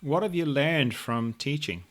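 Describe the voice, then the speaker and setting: A man hosting an interview, asking short questions and giving brief, soft-spoken replies. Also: fairly high pitch, animated, unhurried. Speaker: podcast host.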